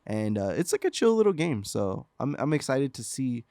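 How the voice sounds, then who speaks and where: A man's voice: medium pitch, very animated, normal speed, warm tone, no room sound, clean studio sound. Rambling man in casual podcast chat. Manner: rambling, many fillers and restarts. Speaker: podcast co-host.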